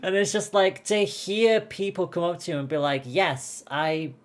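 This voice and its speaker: A woman's voice: on the low side, moderate pace. A woman hosting a casual podcast chat, talking openly and emotionally and laughing often. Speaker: podcast host and esports caster.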